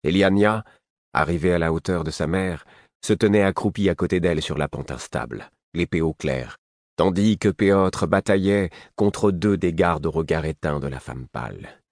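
A man narrates a fantasy novel in the first person with a very low voice. His delivery is measured and dramatic. The recording is close and completely dry, with no room sound. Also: a little mellow, no echo. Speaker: audiobook narrator.

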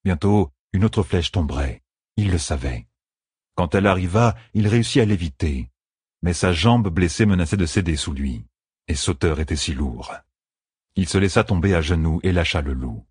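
A man with a very deep, husky voice reads a fantasy novel aloud. His delivery is steady and measured. The sound is dry and close, with no room around it. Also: no echo. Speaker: audiobook narrator. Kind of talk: scripted fantasy narration.

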